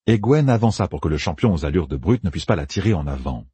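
A low-pitched man narrating a fantasy novel, his voice very husky and breathy. His pitch moves expressively as he reads, and he voices every character himself. The sound is dry and close. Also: very animated, quick pace, dark tone, dry recording. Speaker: audiobook narrator.

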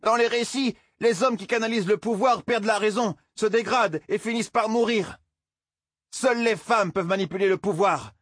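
A man voicing a cranky, indignant old male roofer who scolds and shouts, in an audiobook. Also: high-pitched, a little fast, dry recording, clean studio sound, voice pushed up. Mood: furious. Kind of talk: audiobook character voice.

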